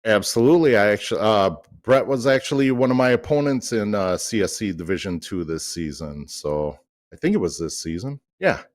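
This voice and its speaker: A man with a somewhat low voice, recorded dry with little room sound. He co-commentates on darts casually, in a folksy and self-deprecating manner. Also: expressive, normal speed, no room sound. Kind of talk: casual chatty sports commentary.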